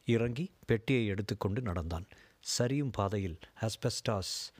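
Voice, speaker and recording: A male storyteller reads a story in a measured, descriptive way. His voice sits low. The recording is dry and close, with no room sound. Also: dry recording. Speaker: narrator. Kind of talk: scripted story reading.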